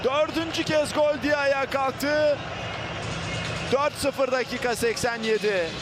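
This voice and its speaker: A man doing live football commentary as an excited commentator who shouts out the goal calls. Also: very high voice, a little slow. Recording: loud stadium crowd and noise. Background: roaring football stadium crowd.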